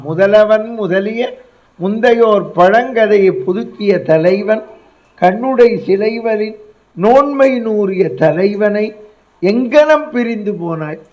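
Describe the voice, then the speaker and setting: A man's voice: sits high, slow pace, darkish tone, muffled recording, voice pushed up. A man voicing a grief-stricken, furious young prince in a storytelling discourse, declaiming with indignation. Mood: lamenting.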